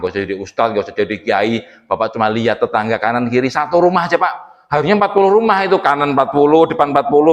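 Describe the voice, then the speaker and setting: A man giving a casual mosque sermon, chatty and joking, quizzing the congregation. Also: lowish voice. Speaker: mosque preacher. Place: mosque hall. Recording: long mosque reverb.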